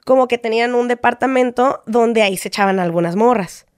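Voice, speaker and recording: A woman with a Mexican accent, a guest telling a personal story in casual chat, animated and often acting out what people said. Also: a little high, fairly quick, no echo, studio quality. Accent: Mexican Spanish. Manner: animated, acts out quoted exchanges, frequent tag questions.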